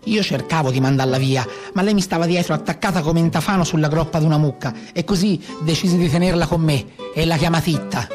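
A male actor with a fairly high voice plays a rough, boastful brigand from the Maremma in a theatrical monologue, lightly acted. With a Tuscan accent, he tells his earthy, colloquial story in a wistful mood.

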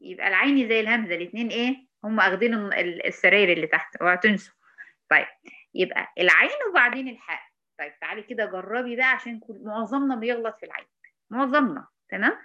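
A woman with an Egyptian accent teaching a recitation lesson, patiently demonstrating sounds slowly and checking in with her students. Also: medium pitch, sharp tone, dull audio. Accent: Egyptian Arabic. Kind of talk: online tajweed lesson.

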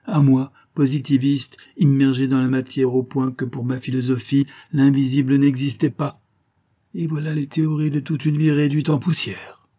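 A man's voice: mid-range voice, monotone, normal speed, dark tone, voice pushed up, lightly acted. A man voicing a stern elderly scientist who speaks in solemn, commanding pronouncements, read in an audiobook. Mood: astonished. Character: stern elderly male scientist wielding occult power.

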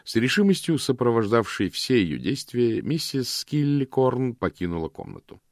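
A man narrating an audiobook in a measured, even reading. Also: medium pitch, no echo, clean studio sound. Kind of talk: scripted narration.

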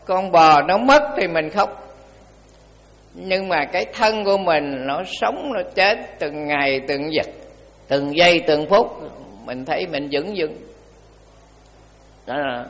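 A man's voice: on the high side, animated, slow, long pauses, fairly bright tone, big-room sound. An older male Buddhist monk giving a dharma talk in a colloquial, repetitive, folksy way.

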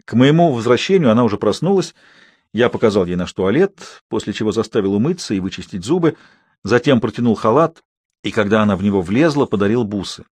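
A man reading a novel aloud as an audiobook narrator, telling the story in an even, unhurried way with light irony. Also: lowish voice, slightly rough, no echo. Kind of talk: scripted narration.

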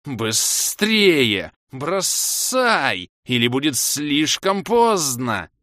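A monstrous female fire cobra, as a male narrator puts her on, bellowing her demands in a high, strained voice and stretching every word out slowly. Furious and commanding, she sounds like a creature from an audiobook fantasy. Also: big pitch swings, pushed and bright, dry recording, clean studio sound, heavily acted. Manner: roaring, slow, drawn-out demands.

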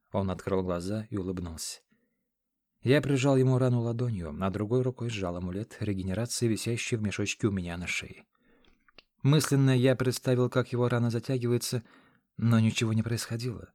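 A man reads a first-person fantasy audiobook in a measured, dramatic way. His pitch sits in the middle range for a man. The recording is dry and close, with no room sound. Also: a little mellow, no echo. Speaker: audiobook narrator.

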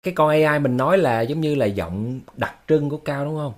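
A man's voice: fairly high pitch, a little fast. A man hosting a casual livestream, talking to his viewers in an explanatory way, with lots of fillers and repeated words. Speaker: livestream host.

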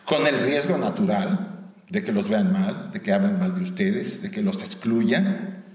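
A man's voice: on the low side, animated, unhurried, darkish tone. A man with a Mexican accent gives a conversational spiritual lecture to a live audience, often asking them rhetorical questions and adding light humor. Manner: light humor mixed into the teaching. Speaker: lecturer at a theosophical society. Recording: roomy hall echo, voice from far off.

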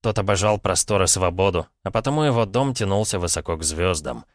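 A man narrating an audiobook in a very deep voice, reading steadily and evenly. The sound is dry and close, with no room in it. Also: animated, fairly quick, no room sound.

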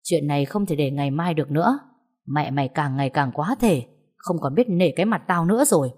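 A woman's voice: low-pitched, lively intonation, fairly quick, a little mellow. A woman doing a cold, stern older husband. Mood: contemptuous. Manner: cold and contemptuous.

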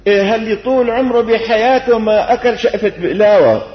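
Older Syrian sheikh, high voice in an echoing hall. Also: male voice, a little fast. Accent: Syrian Arabic, Damascene. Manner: lively, folksy, rhetorical questions, gentle humor. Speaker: sheikh giving Quran commentary. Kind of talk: colloquial sermon lesson. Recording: echoey hall, dull lo-fi old tape.

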